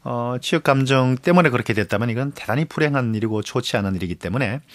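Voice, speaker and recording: A man speaking as an expert guest on radio, explaining at length in a measured way with many pauses and fillers. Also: mid-range voice, animated, dry recording.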